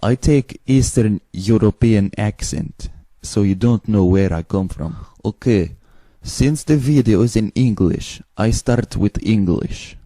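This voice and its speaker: A man's voice: on the low side, slow pace, dark tone, dry recording. A man speaking made-up gibberish that imitates the sound of foreign languages, in changing mimicked accents.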